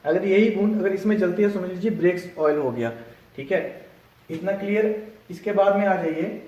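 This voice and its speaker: A male instructor explaining a lesson step by step, often pausing to check that his students have understood. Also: high-pitched, a little mellow, lo-fi sound. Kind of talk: classroom lesson. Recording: echoey room, distant mic.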